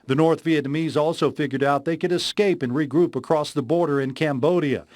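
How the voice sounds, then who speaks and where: A man's voice: fairly high pitch, a little fast, a little mellow, a little hiss or hum. A man with an American accent narrating a scripted television news report as the reporter.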